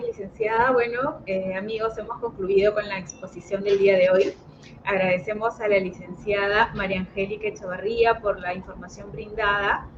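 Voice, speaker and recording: A woman hosting a clinic livestream, reading questions and closing announcements in a formal, scripted way. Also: mid-range voice. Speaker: host. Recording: dull lo-fi livestream with noise.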